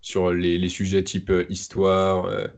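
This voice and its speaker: Jeune homme à la voix très grave. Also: male voice, low voice, monotone, measured pace, vocal fry. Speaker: podcast co-host. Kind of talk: casual chat.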